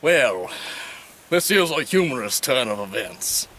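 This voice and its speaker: An actor playing a greedy, pompous town mayor who talks in stiff formal phrases. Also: male voice, medium pitch, sing-song, a little slow, pushed and bright, recorded from a distance, slight background noise. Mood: smug.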